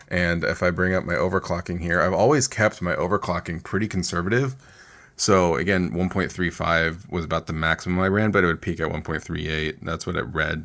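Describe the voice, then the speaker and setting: A man's voice: low-pitched, fairly bright tone. A man giving a casual, rambling tech rant over a screen demo, sounding weary and exasperated. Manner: rambling, informal. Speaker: tech vlogger.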